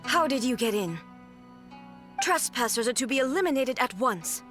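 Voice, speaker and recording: Regal woman, formal, measured, detached, fairly high, video game drama, soft background music. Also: expressive. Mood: cold, stern. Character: regal, aloof ruler and her stern puppet double. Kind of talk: anime video game voice acting.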